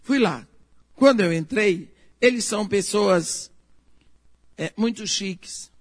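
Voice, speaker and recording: A woman's voice: mid-range voice, takes it slowly, dry recording, studio quality. A Brazilian woman telling a personal story in an emphatic way, acting out the dialogue. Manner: emphatic, acts out quoted dialogue. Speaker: storyteller giving a testimony.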